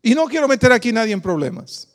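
Brief: male pastor, very high voice, preacherly, quizzes the flock, long church echo. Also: big pitch swings, fast. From Dominican Republic. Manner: preacherly, asks the congregation questions, calls them "queridos". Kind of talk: sermon.

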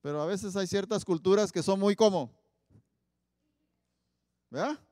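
A man preaching, his voice sitting high for a man. He keeps asking the audience questions and punches out Bible quotes. His voice rings out with a long reverb in a hall. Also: a little slow, studio quality. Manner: asks the audience many questions, loud emphatic Bible quotes. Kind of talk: sermon.

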